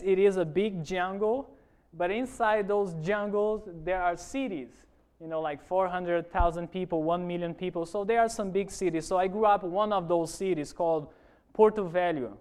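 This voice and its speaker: A Brazilian pastor with a Brazilian Portuguese accent gives an earnest sermon testimony to his church congregation. His voice is high, a little mellow, and smooth, and he frequently asks them for an "amen."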